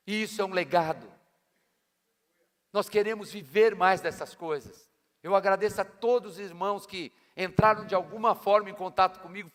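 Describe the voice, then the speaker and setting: A pastor's high, fairly bright voice rings through the long reverb of a church hall. He delivers his sermon with emphasis and everyday language, dropping slangy remarks to the congregation.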